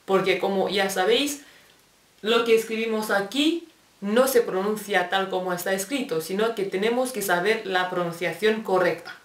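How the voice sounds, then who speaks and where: A woman's voice: medium pitch, normal speed, recorded from a distance. A woman teacher with a Spain Spanish accent, patiently explaining English grammar, spelling out letters and repeating examples. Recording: echoey room, voice set back from the mic.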